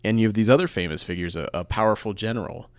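Low-voiced man reviewing films. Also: fast talker, dry recording. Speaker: podcast co-host, film reviewer. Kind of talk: casual film review chat.

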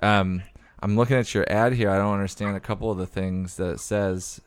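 A man's voice: fairly low pitch, steady tone, a little fast, clean tone, dry recording. A man in casual, slightly awkward and hesitant banter, as if making a comedy call. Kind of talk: casual banter and phone chat.

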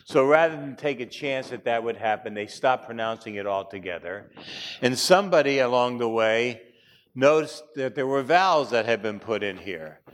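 A man's voice: medium pitch, animated, normal speed. A man teaching a class, chatty, with wry asides and frequent fillers. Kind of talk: classroom lecture.

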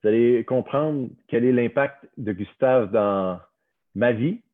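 A man's voice: medium pitch, slow pace. A puppeteer, a man telling a playful story about his puppet in a casual chat. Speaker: puppeteer and guest. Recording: husky voice over a tinny phone-like line.

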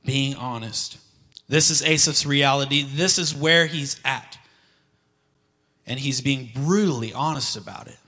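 A man preaching a sermon as pastor, earnest, swelling to near shouts for scripture and dropping low and quiet for emphasis. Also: a little slow. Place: church. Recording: long reverb of a church hall.

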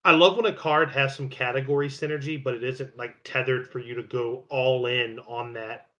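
Male podcast co-host, easygoing and rambling, bright tone. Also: medium pitch, normal speed, dull audio. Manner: relaxed, rambling, many fillers and restarts. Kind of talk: casual card game podcast chat.

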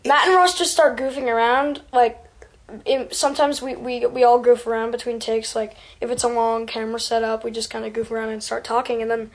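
A woman's voice: a little high, level tone, a little fast. A young woman, an actor in a web series, chatting in an upbeat way with lots of fillers during an interview. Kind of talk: casual interview chat.

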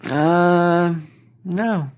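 A man's voice: high voice, drawn-out words, darkish tone. A man co-hosting a casual podcast, blunt and teasing, swearing freely. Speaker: podcast co-host. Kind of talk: casual chat.

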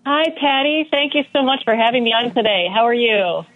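A woman's voice: on the high side, animated, a little fast, dry recording. A woman from the Chicago area, a radio guest, talking earnestly with many um fillers. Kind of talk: radio interview. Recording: tinny phone line.

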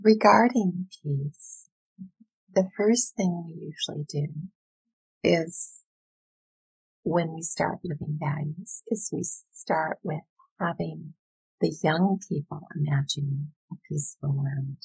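A woman educator speaking in a soft, soothing, deliberate way with pauses, as if leading a guided visualization, her voice breathy and husky. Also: low voice, fairly even intonation, no echo, poor audio. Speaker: educator, workshop leader.

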